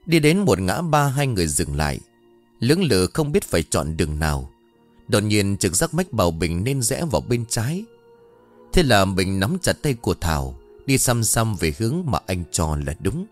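A man narrating a ghost story in an expressive, dramatic reading style. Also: lowish voice, moderate pace. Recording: faint background music. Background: soft music.

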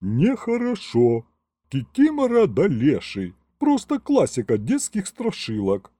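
A man's voice: a little high, wildly swooping pitch, slow pace, mellow, dry recording, voice pushed up, full character voice. A man voicing a gloomy female kikimora accountant who speaks with heavy sighs. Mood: glum. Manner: heavy sighing, glum. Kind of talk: audiobook character voice.

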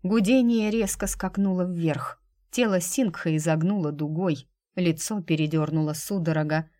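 Audiobook reader: woman, lowish voice, measured and dramatic, close dry recording. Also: darkish tone, dry recording. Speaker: audiobook narrator. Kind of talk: scripted narration.

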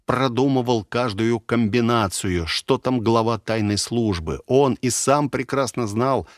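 A man narrating a fantasy audiobook in a measured, dramatic reading style. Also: mid-range voice, no echo, clean studio sound.

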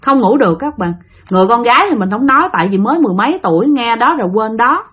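A woman's voice: fairly high pitch, lively intonation, quick pace, fairly bright tone, breathy edge. Chatty woman telling a ghost story. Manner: chatty, addresses listeners directly. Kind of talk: spoken ghost story narration.

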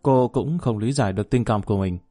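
Male audiobook narrator, mellow and warm, even delivery, faint music bed. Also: lowish voice, fast talker, dry recording. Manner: even, storytelling. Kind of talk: scripted story narration.

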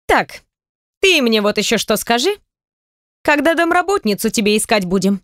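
A woman's voice: a little high, moderate pace, dry recording, clean studio sound. A woman voicing a chatty, nosy pregnant young friend who teases and pushes. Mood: teasing, excited. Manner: teasing, excitable, pushy. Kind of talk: audiobook character reading.

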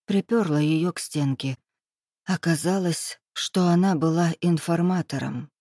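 A woman's voice: on the low side, measured pace, mellow, dry recording, clean studio sound. Woman reading as a mocking, stern club owner. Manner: mocking, weary, coolly menacing. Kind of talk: audiobook dialogue reading.

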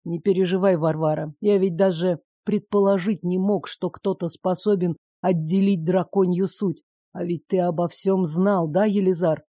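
Woman reading as a young man, earnest and urgent, mellow voice, dry close recording. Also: fairly low pitch, steady tone, normal speed, no room sound, pitched below the performer's own voice, close to an everyday voice. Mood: bitter. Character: earnest young male dragon-shifter hero.

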